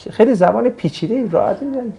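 A man's voice: high voice, animated, creaky, mellow. A man teaching a classroom lesson, joking and putting questions to his students. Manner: jokey, asks the class questions and banters. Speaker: religious studies teacher.

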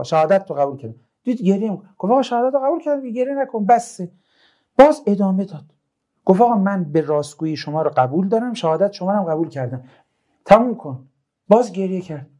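Man, religious speaker, informal talk, lively swooping pitch, mellow tone, chatty, joking asides.

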